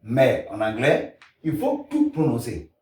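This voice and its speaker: A man teaching pronunciation, slowly drilling and repeating sounds, recorded at a distance in an echoey room. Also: medium pitch, wildly swooping pitch, darkish tone. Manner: slow, repetitive drilling of sounds. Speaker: language teacher. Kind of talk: pronunciation lesson.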